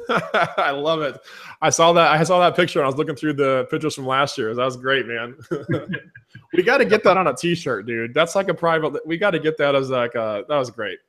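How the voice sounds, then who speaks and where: Guy hosting a webinar, voice going hoarse, pumped up, talking to viewers on a video call. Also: normal speed. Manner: energetic, enthusiastic pitch to viewers. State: losing his voice. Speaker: webinar host. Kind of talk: casual webinar chat.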